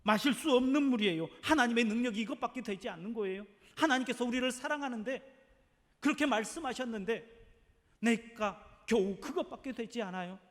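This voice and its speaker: A man voicing desperate grumbling wanderers in the desert, loud, pleading and accusing. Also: extremely high pitch, normal speed, long pauses, voice pushed up. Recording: long church hall reverb.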